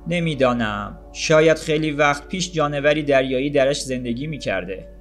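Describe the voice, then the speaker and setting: A man voicing a gentle, loving young mother in an audiobook story, speaking softly and coaxingly. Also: medium pitch, soft background music, natural voice. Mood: tender. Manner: soft, coaxing, smiling.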